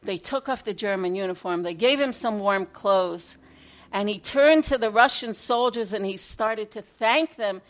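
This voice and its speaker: An unhurried woman with a medium-pitched voice teaches by telling a dramatic story, swinging between loud bursts and hushed passages.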